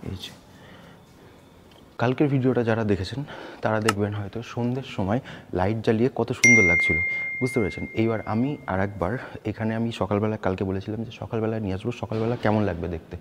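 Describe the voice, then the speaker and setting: A man's voice: on the low side, fast, noisy background. A man vlogging a casual walking tour, chatty and guiding viewers, his voice echoing through a large empty hall. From West Bengal, India. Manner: chatty, guiding viewers, tags English words into his talk. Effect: echoey sound from a large empty hall. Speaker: travel vlogger. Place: empty open hall of an old palace temple.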